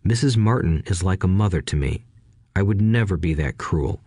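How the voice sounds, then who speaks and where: A man's voice: low-pitched, animated, moderate pace, dark tone, breathy edge, no room sound, clean studio sound. A man voicing an older wealthy mentor who speaks in a sly, lecturing manner to two boys.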